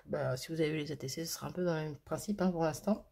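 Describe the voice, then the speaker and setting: A woman's voice: low-pitched, rapid-fire, gravelly, warm tone, breathy edge. A woman hosting a crafting video, chatting casually and thinking aloud with fillers and little laughs as she works. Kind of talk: casual crafting tutorial chat.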